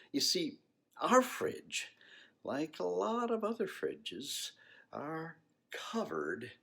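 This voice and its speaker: With a husky but somewhat bright voice, an older man tells a story from his life. His intonation moves widely and expressively, and he paces it slowly, as if reading a picture book to young listeners.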